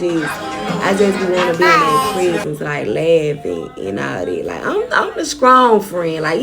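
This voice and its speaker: Young woman vlogger, mid-pitched, frank and salty storytime delivery, talks right to the viewer. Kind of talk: candid personal storytelling.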